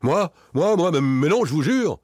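Brief: male reader playing a cornered servant in an audiobook, high stammering whine, husky, wildly swinging pitch. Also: animated, fairly quick, a little mellow, no room sound, studio quality. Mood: panicked. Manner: stammering, whiny, protesting shrilly. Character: frightened shifty male servant accused of murder.

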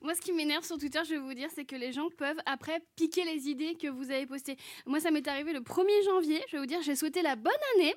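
A woman's voice: sits high, fast, hardly any pauses, no room sound, clean studio sound. A woman on a radio comedy panel, chatty and mock-aggrieved as she jokes with the others. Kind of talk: comic panel banter. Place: radio studio.

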